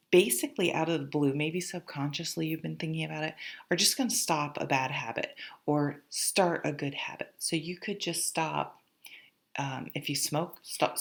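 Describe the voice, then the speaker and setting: A woman's voice: sits low, vocal fry. A woman giving a casual, conversational tarot horoscope reading, rambling informally with offhand asides. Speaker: tarot reader, channel host.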